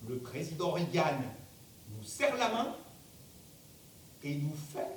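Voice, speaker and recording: A man's voice: very animated, takes it slowly. An actor on stage playing an arrogant, powerful man in angry denial, declaiming emphatically in a theatrical monologue. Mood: insistent, proud. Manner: emphatic, declamatory, bursts into shouting. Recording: distant mic, very echoey theatre, rumbling noise.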